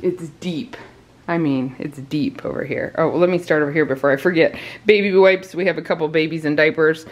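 A woman's voice: low-pitched, fairly even intonation, brisk. A woman in her thirties from the United States, a mother of a large family who chats and laughs often while showing her grocery haul at home. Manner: chatty, laughs often, talks while handling items. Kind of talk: casual grocery haul vlog. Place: indoors at home, kitchen.

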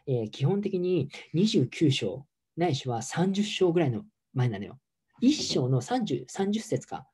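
A man's voice: mid-range voice, dark tone, husky. A middle-aged man, a yoga teacher, giving a campy, chatty, teasing livestream talk and reading viewer comments aloud.

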